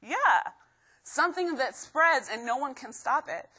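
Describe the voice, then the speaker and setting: A young woman from Guatemala giving an energetic live motivational talk to students, constantly asking the crowd questions. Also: sits high, unhurried, slightly rough. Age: young adult. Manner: energetic, keeps quizzing the crowd. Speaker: motivational speaker.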